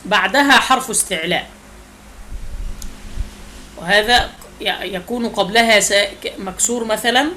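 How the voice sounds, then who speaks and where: A man teaching Quranic recitation rules, explaining step by step and slowing down to recite each example. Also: sits high, sharp tone, a little hiss or hum, rough recording. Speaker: tajwid teacher.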